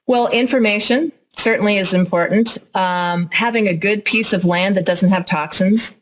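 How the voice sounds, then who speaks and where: A woman's voice: mid-range voice, moderate pace, low-quality recording. Candid American woman answering interview questions. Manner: candid, informal, explanatory. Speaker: interview guest, organic farmer and educator.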